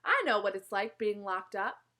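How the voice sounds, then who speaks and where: Woman reading as a shy quiet man. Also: mid-range voice, expressive, moderate pace. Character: shy gentle adult man, pet shop worker.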